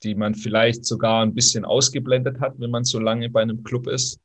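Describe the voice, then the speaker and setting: This Swabian man in his forties, of Italian descent and a former pro footballer, reflects on interview questions with a medium-pitched, level voice that runs a little fast. His answers are thoughtful but hesitant, peppered with fillers.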